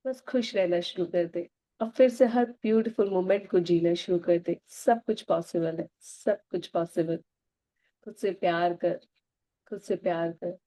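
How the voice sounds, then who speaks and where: A gentle loving mother, as a woman puts her on. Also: fairly low pitch, a little slow, natural voice, poor audio. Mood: tender reassuring. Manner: gentle, reassuring repetition. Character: loving middle-aged mother comforting her grown daughter.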